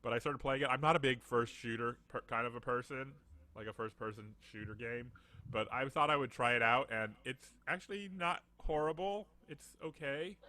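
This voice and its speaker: A man hosting a casual video-call chat, animated and jokey, slipping into mock voices. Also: medium pitch, moderate pace. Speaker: podcast host.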